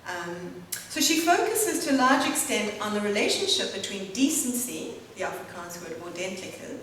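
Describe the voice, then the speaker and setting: A woman's voice: medium pitch, sing-song, normal speed, a bit bright. A woman giving an academic lecture, reading from a prepared text and adding spoken asides. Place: lecture hall. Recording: very echoey hall, distant mic, faint hum.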